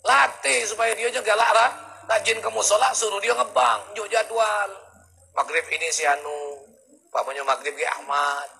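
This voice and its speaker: A man's voice: sits high, moderate pace, creaky, pushed and bright, low-quality recording. A male preacher, giving a humorous sermon full of stories and acted-out quotes. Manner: jokey storytelling with acted-out quotes.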